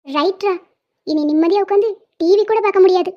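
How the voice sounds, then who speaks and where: A woman's voice: very high-pitched, brisk. A woman voicing a cheeky teenage schoolgirl who teases her family in a cartoon. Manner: cheeky, teasing, sassy. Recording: dull lo-fi sound.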